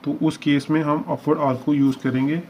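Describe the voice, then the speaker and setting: A man's voice: fairly high pitch, level tone, moderate pace, darkish tone. A man teaching a shorthand lesson, explaining each step patiently and repeating examples as he works through them. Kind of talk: lesson walkthrough. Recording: dull lo-fi recording with faint hiss.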